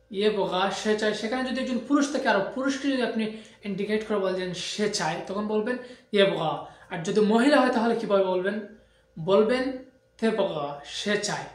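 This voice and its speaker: A Bangladeshi man with a fairly high voice gives a language lesson, saying each word slowly several times over. His voice rings in an echoey room. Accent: Bangladeshi Bengali. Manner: slow, repetitive drilling of words. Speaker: language teacher. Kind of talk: spoken language lesson with repetition.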